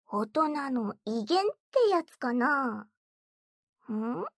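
A woman's voice: high voice, sing-song, extremely slow, dry recording, studio quality, full character voice. A woman voicing a bratty, teasing young stepsister girl in a whispered role-play, taunting and giggly as she coaxes. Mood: playful.

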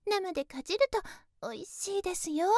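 A woman plays a sheltered, innocent young lady in a one-sided voice drama, her voice pitched extremely high and sweet. She speaks in very polite, airy formal speech, trusting and naive. The sound is close and completely dry, with no room around it. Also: expressive, fairly quick, a little mellow, no room sound.

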